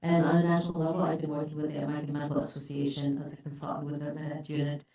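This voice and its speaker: Middle-aged woman professor, low voice, chatty, big echo. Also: monotone, rapid-fire, warm tone. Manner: conversational, candid. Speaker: professor of obstetrics. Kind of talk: panel introduction. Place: conference hall. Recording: echoey conference hall.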